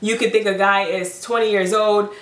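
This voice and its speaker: A young adult woman giving frank dating advice in a casual vlog, chatty and quick to laugh. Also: mid-range voice, steady tone. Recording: roomy, distant mic.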